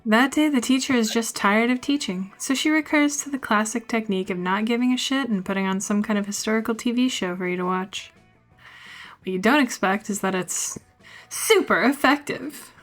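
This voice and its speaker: Brief: woman streamer, higher voice, reads game text with a sarcastic edge. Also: normal speed, faint music behind. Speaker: streamer reading a dating game. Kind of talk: reading game text aloud with comments.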